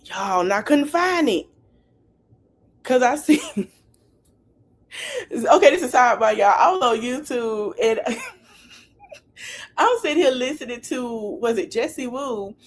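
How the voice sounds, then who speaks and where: Animated woman podcast host. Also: on the high side, unhurried, pauses often. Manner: animated, laughs, acts out quotes. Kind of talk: casual commentary chat.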